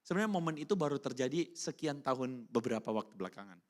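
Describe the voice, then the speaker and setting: Animated slang youth pastor, lively pitch. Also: male voice, quick pace. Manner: animated, keeps asking the crowd rhetorical questions; slangy and informal, breaks into English phrases. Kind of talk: casual youth sermon. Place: church hall during a service.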